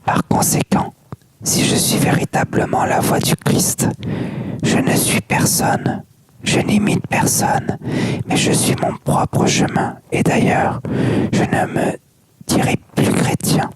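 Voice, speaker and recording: An ASMR reader whispering softly without voice, like in a library, reading a book aloud with asides. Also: slow pace. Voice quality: unvoiced soft whisper. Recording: very noisy whisper recording with mouth clicks.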